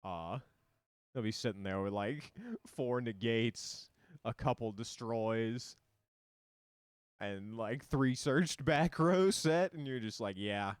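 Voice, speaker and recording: A man's voice: medium pitch, takes it slowly, clean tone, dry recording, clean studio sound. A man streaming a card game, explaining it in loose, rambling casual talk full of fillers.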